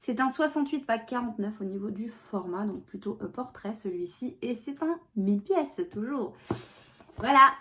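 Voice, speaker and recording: A woman's voice: a little high, expressive, normal speed, sharp tone. A woman talking casually in a vlog, chatty and rambling, with many fillers and restarts. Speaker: vlogger.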